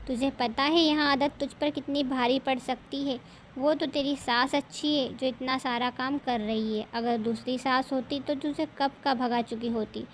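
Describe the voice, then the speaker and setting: A woman's voice: sits high, slight background noise, lightly acted, rough recording. A woman voicing a stern middle-aged mother who lectures her daughter. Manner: lecturing, scolding.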